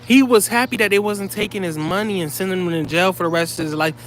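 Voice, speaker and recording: A man's voice: high voice, fast talker, a bit bright, a little hiss or hum. A man delivering heated, profane commentary straight to his viewers, blunt and scolding.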